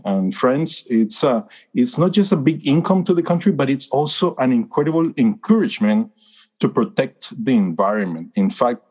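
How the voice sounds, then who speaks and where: A Costa Rican man in his fifties, speaking with a Costa Rican Spanish accent, is interviewed as a birding guide. His mid-range voice has a darkish tone. He answers earnestly but hesitantly, with many fillers and restarts.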